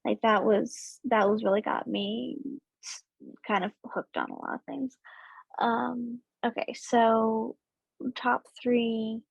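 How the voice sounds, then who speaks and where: A woman's voice: a little high, little pitch movement, slow pace, gravelly, breathy edge, no echo. A woman guest chatting casually on a roundtable podcast, hesitant, with many ums and restarts. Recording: dull lo-fi audio.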